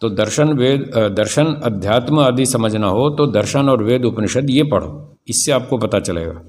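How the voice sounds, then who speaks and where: An older man giving a spiritual discourse, emphatic and rhetorical, slowing down to stress key phrases. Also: mid-range voice, expressive, darkish tone. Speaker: spiritual teacher. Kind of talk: spiritual discourse answering questions.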